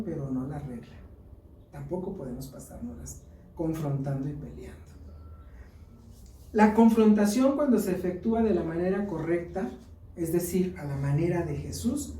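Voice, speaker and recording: A woman's voice: fairly low pitch, mellow, slight background noise. A woman with a Mexican accent giving an earnest church Bible lesson, mixing teaching with personal stories. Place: church hall. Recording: echoey room, mic far off.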